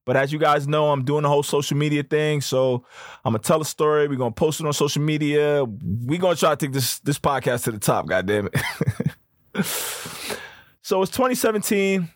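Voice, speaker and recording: A young man hosting a podcast, telling a story in a casual, slangy, animated way. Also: fairly high pitch, no echo, studio quality. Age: young adult. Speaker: podcast host.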